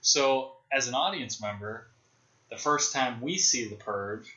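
Rambling young man, bright voice. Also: mid-range voice, a little slow. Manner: rambling, speculative, frequent fillers and restarts. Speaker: podcast host. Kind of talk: casual film discussion. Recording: roomy, dull lo-fi podcast audio.

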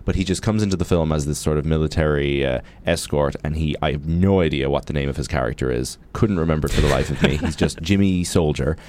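A man's voice: very deep voice, quick pace, hardly any pauses, a little mellow. A man co-hosting a radio show, giving a wry, opinionated, conversational film review. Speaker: radio co-host and film critic.

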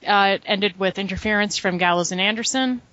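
A woman's voice: medium pitch, a little fast, a bit bright, highs cut off. Dry sarcastic woman recapping. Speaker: podcast co-host recapping wrestling. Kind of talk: casual chat.

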